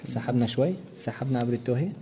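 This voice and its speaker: A man's voice: mid-range voice, rapid-fire, gravelly, warm tone, slight background noise. A man giving a practical anesthesia lecture, explaining procedure steps and quizzing students with rhetorical questions. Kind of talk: practical medical demonstration.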